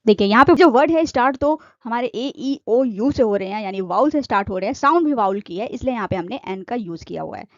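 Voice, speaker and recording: A woman's voice: a little high, animated, quick pace, few pauses, no room sound, dull audio. A woman teaching grammar, asking questions and answering them herself, repeating each point. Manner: repetitive, asks and answers own questions. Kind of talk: explanatory grammar lesson.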